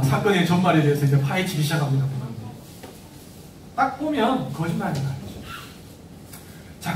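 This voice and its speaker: A high-pitched man preaches to parents, picked up from a distance in an echoey church hall with faint ambience behind. He asks the congregation questions and acts out the voices of parents and children. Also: slight background noise. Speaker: pastor. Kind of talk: sermon to parents.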